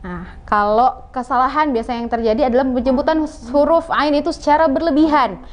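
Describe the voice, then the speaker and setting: Woman teaching Quran pronunciation, slightly high voice. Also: lo-fi sound. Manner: patient, demonstrating sounds slowly and repeating them. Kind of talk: televised religious lesson.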